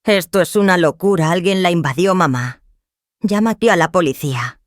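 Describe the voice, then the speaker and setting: A woman narrator putting on a desperate adult son, pleading and close to tears, his voice pitched a little above her usual tone. He sounds lifted and urgent in this spoken story, over a dry, close recording. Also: moderate pace, no echo, lightly acted.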